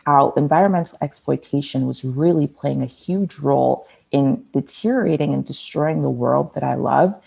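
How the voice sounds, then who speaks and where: A woman's voice: rumbling low, moderate pace, vocal fry, few pauses, mellow, slightly rough, rough recording. A nineteen-year-old woman from the Washington, D.C. area answering interview questions, earnest and eager. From Washington, D.C. area, USA. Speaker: activist guest.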